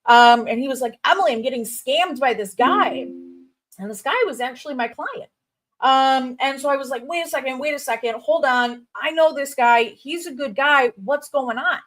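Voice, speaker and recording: This upbeat woman in her thirties, a Chicago-accented crypto recruiter, runs a casual livestream where she reads viewers' comments. She sounds somewhat high and fairly bright, chatty and bubbly, tossing off fast asides and fillers.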